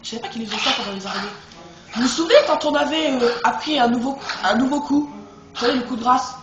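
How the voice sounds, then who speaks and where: A man chatting excitedly to viewers as he plays through a video game. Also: extremely high pitch, quick pace, echoey room, background noise. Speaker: let's play host. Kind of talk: gameplay commentary.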